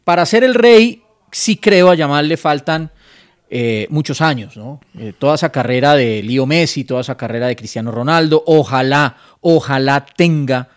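Chatty sports co-host. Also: male voice, fairly high pitch. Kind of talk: casual sports talk.

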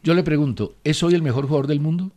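A man's voice: on the high side, fast, warm tone. A man hosting a sports radio show, chatting casually and pressing his co-host with pointed questions. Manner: insistent, quizzing his co-host.

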